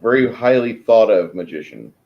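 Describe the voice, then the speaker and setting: A man narrating a tabletop fantasy game as game master, improvising haltingly with pauses to find his words. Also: fairly low pitch, animated, vocal fry, highs cut off, background noise. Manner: halting, pausing mid-sentence to search for words.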